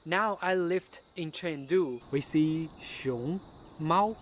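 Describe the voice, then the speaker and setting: Excited man from China touring pandas. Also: fairly high pitch, slow, a little hiss or hum. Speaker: panda tour guide. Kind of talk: recorded video tour.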